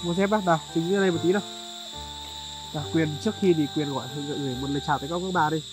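A man hosting a charity vlog outdoors in a highland village, talking politely to viewers with many fillers. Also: fairly even intonation, racing, over music, poor audio. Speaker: charity vlogger. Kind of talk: vlog narration and chat on location.

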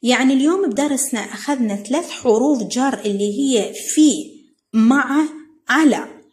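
High-voiced Iraqi woman drilling syllables. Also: expressive, darkish tone. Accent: Iraqi Arabic. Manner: slow sing-song syllable drilling, stretching sounds. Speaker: primary school teacher. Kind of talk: recorded phonics lesson for young children.

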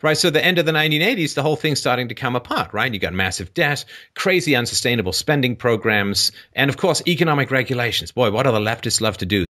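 A man's voice: medium pitch, animated, fast, hardly any pauses, bright, forceful tone. A man hosting a call-in show, lecturing a caller with sarcastic asides. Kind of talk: explanatory monologue to a caller.

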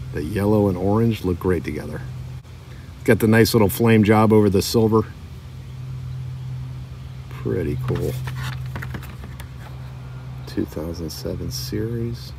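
A middle-aged man casually showing toy cars from his collection, chatting and reading the card backs aloud. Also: low voice. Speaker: diecast collector vlogger. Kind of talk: casual show-and-tell narration. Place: outdoor table by a lake on a windy day. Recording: distant mic with wind noise.

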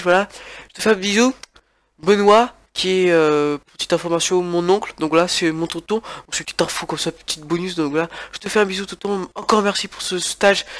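A man's voice: sits high, fairly bright tone, no echo. A teenage male with a French accent and a congested, blocked nose, chatting casually and rambling to camera like a YouTube host. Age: teenager, about 14. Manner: informal, rambling, gesturing. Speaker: YouTube gaming channel host. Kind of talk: casual vlog chat to camera. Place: small attic bedroom.

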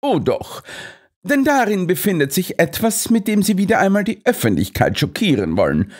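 A man's voice: high-pitched, very animated, moderate pace, voice pushed up. A man voicing a self-assured male master detective who lectures and explains triumphantly. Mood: lecturing.

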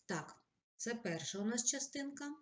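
A woman teacher giving a recorded grammar lesson, explaining rules plainly and reading example lines slowly and with feeling. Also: fairly high pitch, lively intonation. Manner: direct, addresses pupils with polite requests.

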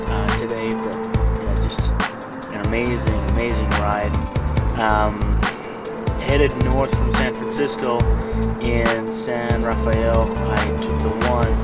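A man in his forties vlogging outdoors at night on his motorcycle trip, tired and lost, rambling with many fillers and restarts. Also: fairly low pitch. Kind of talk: casual vlog talk to camera. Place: outdoors, roadside and campsite at night. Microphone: action camera held close. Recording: loud engine and road noise.

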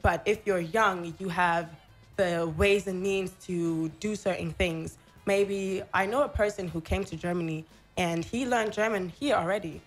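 A woman's voice: medium pitch, steady tone, faint music behind. Chatty young woman guest. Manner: chatty, quick to chime in. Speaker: guest blogger. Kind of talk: casual podcast conversation. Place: small radio studio. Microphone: studio mic with headphones.

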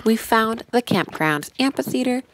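A woman's voice: a little high, lively intonation, moderate pace, noisy background. A middle-aged woman, a mother, giving an upbeat scripted voice-over about a family trip. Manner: upbeat, explanatory. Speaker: mother and vlogger. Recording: voice-over with music underneath.

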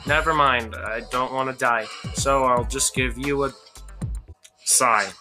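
A woman's voice: extremely low pitch, steady tone, measured pace, sharp tone, soft background music. A woman doing goofy let's-play commentary on a game, rambling jokes and laughing often. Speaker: gameplay YouTuber.

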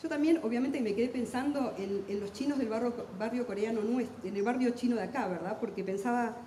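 A middle-aged woman with an Argentine accent, a literary translator talking quickly and intensely on a book fair panel, with self-deprecating humor. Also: on the high side, warm tone, slight background noise. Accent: Argentine Spanish. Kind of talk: lively public talk at a book fair. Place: large hall at a book fair. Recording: echoey hall with long reverb.

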